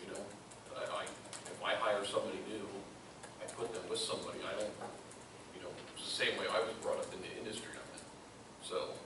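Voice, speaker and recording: A man on a school board making an earnest, halting point about principle, recorded from a far camera. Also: fairly low pitch, flat delivery. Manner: earnest, halting, many restarts. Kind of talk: meeting debate. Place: large meeting room. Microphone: far room camera. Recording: echoey room from far off, hissy.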